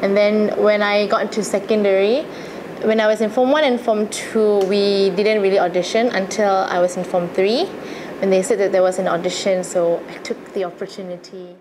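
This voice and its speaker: In a casual interview, a young adult woman speaking with a Malaysian accent looks back on her own experiences in an earnest, chatty manner. She uses a medium pitch with fairly even intonation at normal speed, and background noise and ambience are noticeable.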